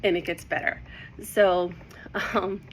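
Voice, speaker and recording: A woman talks through Bible verses in a casual, eager way, a little out of breath from excitement. Her voice sits fairly low for a woman. A faint hiss of background noise runs under the recording. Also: unhurried. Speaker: Bible teacher. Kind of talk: casual devotional talk.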